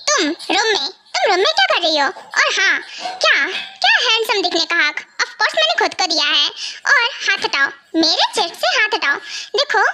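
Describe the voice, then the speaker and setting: A woman's voice: very high voice, sing-song, moderate pace, pushed and bright, a little hiss or hum, exaggerated voice. A woman voicing a cocky, sulking young husband in an amateur fan dub, speaking in a huffy, scolding way. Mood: irritated.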